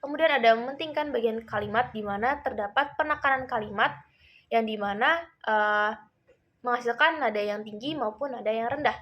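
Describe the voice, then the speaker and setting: High-voiced teen girl presenting a lesson. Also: brisk, highs cut off. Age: late teens. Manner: casual explaining with many tag words. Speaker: student presenter. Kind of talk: school class presentation.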